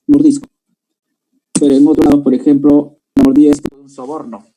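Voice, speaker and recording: Poor audio captures a fairly high-pitched, dark-toned male voice with little pitch movement, going a little fast. The speaker, from Lima, Peru, with a Peruvian Spanish accent, leads a classroom language lecture step by step, regularly asking if everyone is with him.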